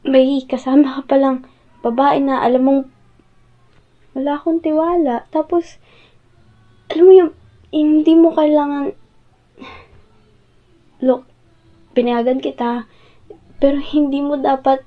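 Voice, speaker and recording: Casting: actress as jealous, wounded young-love girlfriend, Filipino accent, high female voice, halting pleading delivery, audio role-play, thin phone-like sound. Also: fairly even intonation. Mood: upset, accusing. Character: hurt jealous girlfriend confronting partner who came home late.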